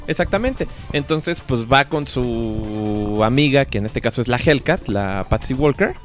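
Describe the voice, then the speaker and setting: A man's voice: mid-range voice, measured pace, faint music behind. A man with a Mexican accent hosting a podcast, recapping a series in a casual, slangy way and acting out the characters' lines. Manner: animated, acts out quotes with lots of slang. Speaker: podcast host. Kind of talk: casual slangy review chat.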